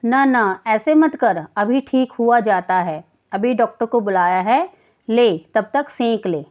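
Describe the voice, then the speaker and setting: A woman reading the part of an anxious mother soothing her sick son in a soft, coaxing way. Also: a little high, animated, measured pace. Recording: dull lo-fi recording.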